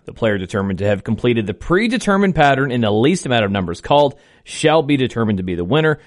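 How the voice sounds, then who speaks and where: A man working as a bingo caller on local radio, announcing informally and calling out numbers deliberately. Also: mid-range voice. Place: radio studio.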